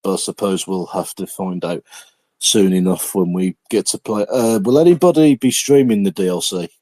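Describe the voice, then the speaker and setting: Podcast host, low-pitched, chatty, very dry sound. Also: male voice, moderate pace, dark tone, no echo. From England. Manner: chatty, repeats words when starting sentences. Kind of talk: casual chat.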